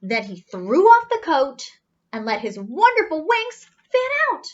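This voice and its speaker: In dull-sounding audio, a high-pitched woman reads a children's tale with lots of expression. She asks simple questions, adds asides for the young listeners, and uses gasps and stretched-out emphasis.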